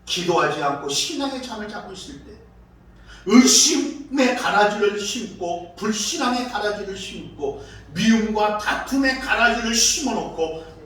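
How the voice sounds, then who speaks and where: A man preaching a sermon as pastor, telling stories in an animated way and acting out quoted voices. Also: high voice. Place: church sanctuary. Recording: very echoey hall, far from mic.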